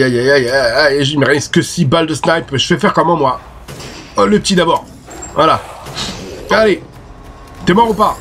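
Excitable French man commenting his gameplay. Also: fairly high pitch, a little hiss or hum. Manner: excitable, swears and shouts at the enemies. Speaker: gaming video host.

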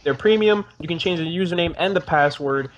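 A man's voice: fairly high pitch, a little fast, lo-fi sound, slight background noise. Chatty teen boy playing a block game. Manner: chatty, joking, plugs the channel to viewers. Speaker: gaming channel host. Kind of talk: casual game commentary with a friend.

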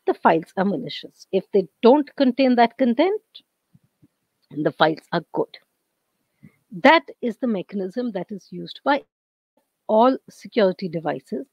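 An Indian English woman gives an online lecture, explaining step by step. Her voice is hoarse and she keeps clearing her throat. The computer-mic audio is dry and a little dull. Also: mid-range voice, no echo. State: losing her voice.

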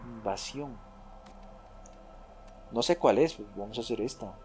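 A man hosting a let's play video, commentating excitably, repeating short phrases in bursts and chatting to his viewers. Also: medium pitch, unhurried, soft background music. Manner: chatty, addresses viewers as a group. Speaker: gaming video host.

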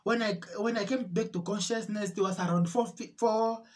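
A woman giving an emotional religious testimony, repeating herself and pleading, her voice rising into cries and halting with restarts. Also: mid-range voice, fairly even intonation, darkish tone. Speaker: testimony speaker.

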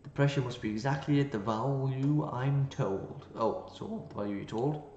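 A man's voice: medium pitch, normal speed, darkish tone, slight background noise. Male gaming host, playful commentary with jokey asides, roomy and a bit dull recording. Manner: playful, reads game text aloud, jokey asides. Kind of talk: let's play commentary. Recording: roomy, slightly dull, game music behind.

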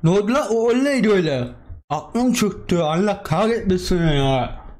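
A man hosting a horror game let's play, jumpy and excitable, blurting frightened exclamations and muttering prayers under his breath. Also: high-pitched, normal speed, background noise. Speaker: gaming channel host.

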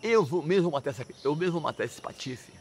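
A man's voice: a little high, animated, fast talker, slight background noise. A man voicing an angry demon king father who threatens his devout son, in a spoken religious storytelling. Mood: furious. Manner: indignant, threatening.

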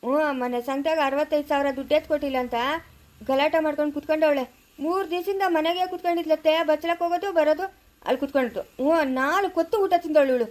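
A woman's voice: sits high, quick pace, darkish tone, natural voice. A woman with a rural Chikkaballapura Kannada accent playing a young village woman gossiping scornfully about a relative.

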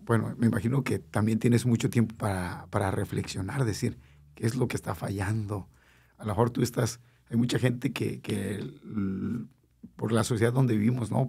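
A man with a gravelly, very raspy voice at a middle pitch. He hosts a casual interview and asks his questions in a friendly, informal way. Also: mellow. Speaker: interview host.

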